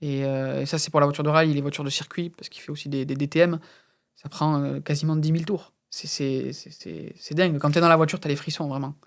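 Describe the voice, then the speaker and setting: A man's voice: a little high, level tone, brisk, vocal fry. A man from France as a guest on an interview, talking casually and hesitantly, with many fillers and repeated words. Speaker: guest racing driver and instructor.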